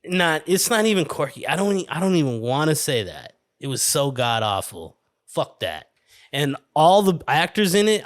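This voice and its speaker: A man's voice: medium pitch, fairly bright tone, no room sound. Dude ranting on his own podcast, rambly and sweary, tons of likes and you knows, super dry close mic. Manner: rambling, profane, lots of fillers and restarts. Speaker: podcast host. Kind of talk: casual solo podcast rant. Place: indoor room with a window.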